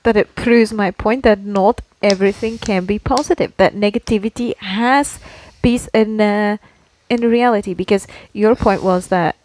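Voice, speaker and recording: This co-host's voice is medium-pitched and slightly mellow, with fairly even intonation and almost no pauses at a normal speed. She's in casual, argumentative banter on a podcast, pushing back and swearing mildly now and then, and the recording quality is low.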